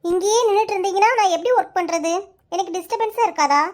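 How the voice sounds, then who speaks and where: A squeaky, very high young woman from a cartoon office, played by a woman. She chatters, teases her friend and scolds her with affection. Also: fast, darkish tone. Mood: snippy. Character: young women office workers, teasing friend and tearful sister. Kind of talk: cartoon voice acting.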